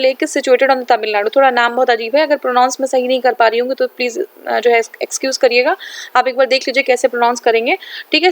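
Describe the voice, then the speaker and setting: Indian woman, high voice, teacher, reads slowly then repeats in hindi, keeps checking in. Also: fairly bright tone. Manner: reads English lines slowly, then repeats key points in Hindi, frequent "thik hai". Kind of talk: exam-prep lesson, Hindi mixed with English.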